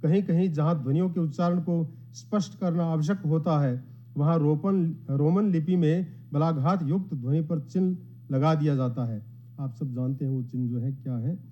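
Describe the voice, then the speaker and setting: In a conference hall, an academic man with a fairly high voice gives a formal lecture, explaining his points in a measured way and reciting Sanskrit verses between them. He speaks modestly to the gathering, and the sound is dull and lo-fi.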